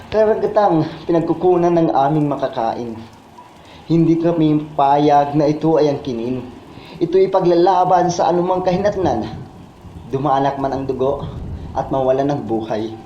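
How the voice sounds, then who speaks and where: A man from the Philippines with a Filipino accent recites spoken word poetry in a solemn, impassioned, declamatory style. His voice is a little high and mellow. The recording is muffled and echoey, with background noise.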